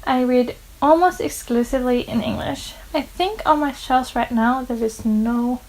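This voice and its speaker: A twenty-one-year-old Norwegian book vlogger, a native Norwegian speaker, chats earnestly to camera in English about her reading habits, listing personal facts. Her voice is high-pitched and a little mellow, her pace measured, and the low-quality recording carries slight background noise.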